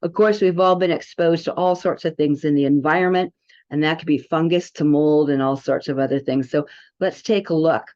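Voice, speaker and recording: Her voice sits low and a little mellow, with fairly even intonation and a slightly quick delivery. She's a presenter walking through a wellness app in an informal tutorial, chatty and somewhat rambling, captured on dull, lo-fi audio.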